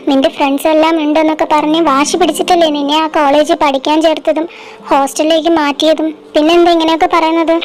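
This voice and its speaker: A woman's voice: high voice, a little hiss or hum, lightly acted, rough recording. A young woman voicing a nagging, exasperated mother in a fan dub drama, with faint music behind. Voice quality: sharp, nagging. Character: scolding middle-aged mother, exasperated.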